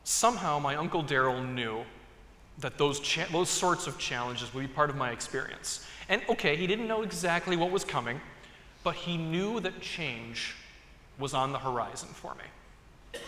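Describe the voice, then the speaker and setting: A man's voice: a little high, animated, normal speed, bright, forceful tone, slight background noise. Male priest preaching in an echoey church. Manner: conversational storytelling with light humor. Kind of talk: sermon. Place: large church. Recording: echoey church hall with long reverb.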